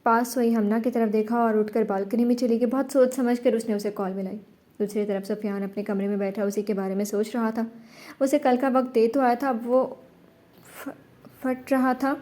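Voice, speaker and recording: A woman reading a romance novel aloud in a steady, even narration. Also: fairly high pitch.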